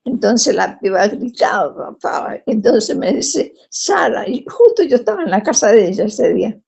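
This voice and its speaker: Speaking at a moderate pace in a mid-range, gravelly and slightly rough voice, a woman with a Rioplatense Spanish accent shares a personal testimony. She tells it animatedly, acting out the quoted speech of the people in her story.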